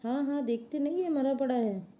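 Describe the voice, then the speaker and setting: A woman's voice: high-pitched, moderate pace, highs cut off, voice pushed up, lightly acted. A woman voicing a clever, helpful male turtle in a storybook reading for children. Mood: friendly.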